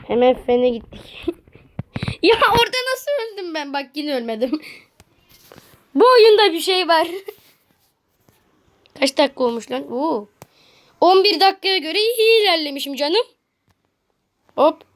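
Very high-voiced excitable woman gaming. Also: a little slow, long pauses. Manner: excitable, exclaims and mutters at the game; laughs at her own mishaps. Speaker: gaming video creator. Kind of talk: casual gameplay commentary.

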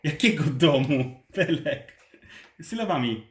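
A man's voice: fairly high pitch, lively intonation, slow pace. A man patiently prompting a child through a reading exercise, correcting and encouraging syllable by syllable. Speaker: parent teaching a child to read.

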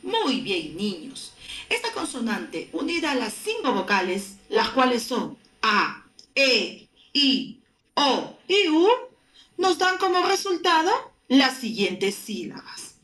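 A woman teacher with a Peruvian Spanish accent speaks slowly and patiently to small children. Her voice is high and moves a lot, and she stretches out sounds for them to repeat. The room is echoey. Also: very animated, fairly bright tone. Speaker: primary school teacher. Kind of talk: recorded lesson for young children.

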